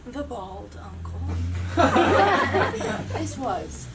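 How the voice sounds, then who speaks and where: A young woman doing a stand-up comedy monologue, profane and sarcastic, with an animated delivery. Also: high voice, drawn-out words. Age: young adult. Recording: distant mic with loud room noise.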